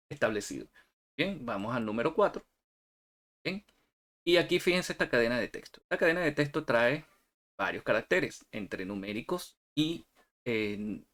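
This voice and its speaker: Male tutorial instructor, mid pitch, step-by-step, keeps checking in. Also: a bit bright. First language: Spanish. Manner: talks viewers through steps, checking in with "¿ok?". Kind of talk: software tutorial screencast.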